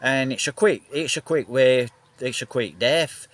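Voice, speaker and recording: Northern English bloke, mid-pitched, loose chatty vlog delivery into a handheld phone. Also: male voice, a little slow. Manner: rambling, repeats himself, many "you know" fillers. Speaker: vlogger. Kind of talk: casual rambling vlog chat. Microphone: phone held in hand, then on a gimbal.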